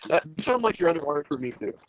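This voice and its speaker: A man co-hosting a casual gaming podcast, insisting on his points in quick bursts, his voice muffled and underwater-sounding through a bluetooth headset mic. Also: on the high side, very animated, a little hiss or hum. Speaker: podcast co-host. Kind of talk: casual gaming chat among friends. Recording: dull lo-fi phone headset sound.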